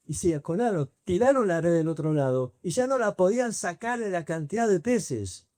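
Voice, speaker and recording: A man with a Rioplatense accent preaching to a youth camp, telling the story in a lively way and putting questions to his listeners. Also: high voice, no room sound, clean studio sound. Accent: Rioplatense Spanish. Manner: storytelling, asks the audience questions. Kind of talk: sermon.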